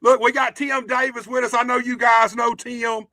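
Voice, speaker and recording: A man's voice: very high voice, little pitch movement, moderate pace, a crowd in the background. A man with a Southern US accent hosting a casual, profane wrestling chat, his voice cracking. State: voice cracking after flu in the household. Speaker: host of a wrestling interview show.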